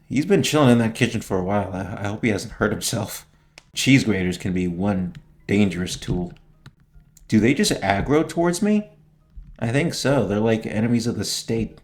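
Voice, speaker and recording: A young man giving casual, slangy gameplay commentary, joking and reacting out loud as he plays. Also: lowish voice, expressive, normal speed. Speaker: gaming streamer.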